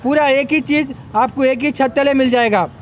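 An extremely high-pitched young man talks at a moderate pace, with a little hiss or hum in the recording. He's organizing an outdoor expo and gives a promotional press statement into microphones on a table, over and over encouraging customers to come.

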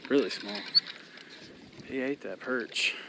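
The host of a fishing channel, a young man with a medium-pitched voice, chats slowly and casually to camera from an outdoor riverbank while reeling in fish, thinking aloud in a relaxed way as day becomes night. An action camera on his body records him, along with background noise.

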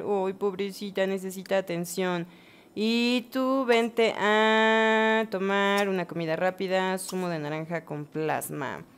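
A woman giving casual let's-play commentary, chatting to her game characters with bursts of excited exclamations. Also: lowish voice, slight background noise. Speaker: gaming channel host.

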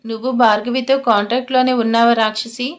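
A woman reading a gentle young man pleading. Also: fairly high pitch, steady tone, brisk, close to an everyday voice. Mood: earnest. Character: young man, caring loyal friend.

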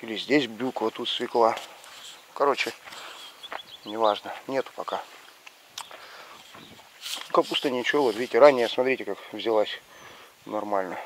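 A man in his forties chats in a casual, rambling way, with a slushy lisp on s and sh. His voice sits at an average pitch for a man. He is outdoors with a handheld camera, with faint rural noise behind him. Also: moderate pace, pauses often. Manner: slushy lisp on s and sh sounds after a pulled lower tooth. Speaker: village life vlogger. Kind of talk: casual rambling vlog chat. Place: outdoors in a village yard and garden. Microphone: action camera held at arm's length.

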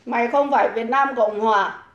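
A woman's voice: fairly high pitch, moderate pace, dull audio. Combative woman ranting. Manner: combative, insulting, taunting. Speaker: livestream host. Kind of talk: profane livestream rant. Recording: echoey room.

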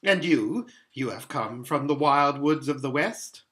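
A man's voice: mid-range voice, lively intonation, unhurried, bright, forceful tone. A man voicing a courteous, flustered faun in a children's storybook, fussy and polite, often stammering and repeating himself. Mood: curious. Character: courteous, flustered young-hearted male faun, eager to please.

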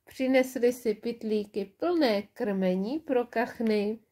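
A woman reading a children's audiobook in a warm, lively storytelling way. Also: fairly high pitch. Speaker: storybook reader.

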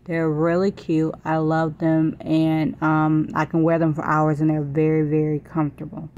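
A woman's voice: low voice, completely flat delivery, normal speed, darkish tone, muffled recording. A young woman vlogger giving a casual product review and try-on. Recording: noisy home phone recording.

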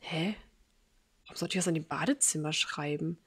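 A woman's voice: low voice, moderate pace, breathy edge, voice pushed down. A woman voicing a grumpy, indignant middle-aged man in a game's dialogue.

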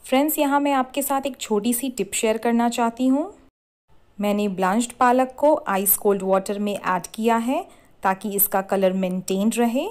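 A woman hosting a cooking channel, giving clear step-by-step recipe instructions in a scripted voice-over. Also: a little high, normal speed, darkish tone. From India.

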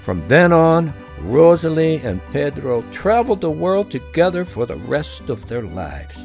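A man reading a children's story aloud, expressive and gently explaining. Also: fairly high pitch, a little slow, gravelly, soft background music.

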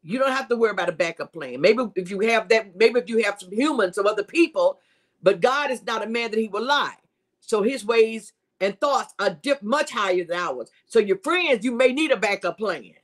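A woman's voice: mid-range voice, lively intonation, normal speed. A woman hosting a live-streamed devotional teaching, preaching in a repetitive, emphatic, conversational way and greeting viewers by name. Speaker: host and Bible teacher.

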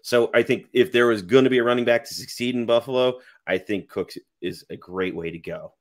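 A man's voice: mid-range voice, a little fast. A man on a podcast panel giving his view in a confident, playful way. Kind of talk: casual fantasy football chat.

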